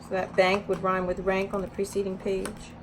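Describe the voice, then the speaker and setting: With a completely flat delivery at a moderate pace, this woman, an early childhood educator, reads aloud and shares teaching tips in an instructional tone, stressing words as she reads. Her pitch is medium, and slight background noise is audible.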